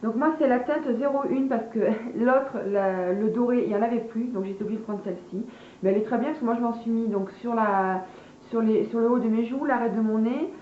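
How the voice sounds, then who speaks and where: A woman's voice: fairly high pitch, fairly quick. A woman beauty vlogger chatting casually through a product haul, hesitant with many fillers and addressing her viewers as girls. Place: room at home, party noise from below. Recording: echoey room, dull lo-fi sound, faint party noise.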